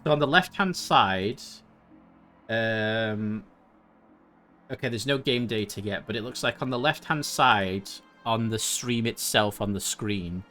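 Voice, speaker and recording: A man's voice: lowish voice, a little slow, bright, forceful tone, soft background music. A man chatting casually on a live stream, rambling and laughing often.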